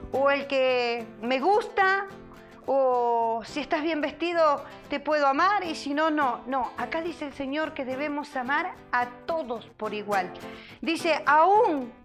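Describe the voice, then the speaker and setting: Woman pastor, high voice, earnest sermon, repeats phrases, faint music behind. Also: a bit bright. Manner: earnest preaching with repetitions and pauses.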